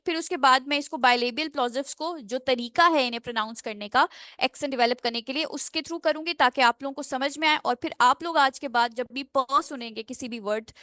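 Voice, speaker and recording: High-voiced woman teaching pronunciation. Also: a bit bright, dry recording, clean studio sound. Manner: drills phrases slowly, syllable by syllable; mixes English into Hindi explanations. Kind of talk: online class lecture.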